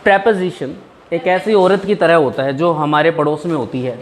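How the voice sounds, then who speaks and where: A man's voice: fairly high pitch, moderate pace. A young male teacher in a classroom, explaining English grammar in Hindi mixed with English and joking with students. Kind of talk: classroom lesson.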